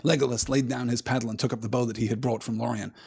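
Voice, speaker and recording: A man's voice: medium pitch, steady tone, fast, vocal fry, darkish tone, husky. Enthusiastic man reading and musing aloud. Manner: thoughtful, enthusiastic, digressive. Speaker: host of a live book-reading stream. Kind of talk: reading aloud and discussing, answering chat.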